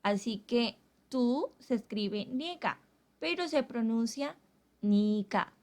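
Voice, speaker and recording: A woman teaching a Korean grammar lesson, explaining slowly and carefully. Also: fairly high pitch, expressive, darkish tone. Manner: slow, carefully spelled-out explanations.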